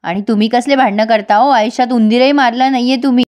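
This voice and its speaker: A woman's voice: fairly even intonation, quick pace, a little mellow, natural voice. A woman voicing a jealous young daughter-in-law who scolds and taunts sarcastically, in a storytelling recap. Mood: resentful. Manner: shrill, quarrelsome, sarcastic. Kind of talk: storytelling recap with acted dialogue.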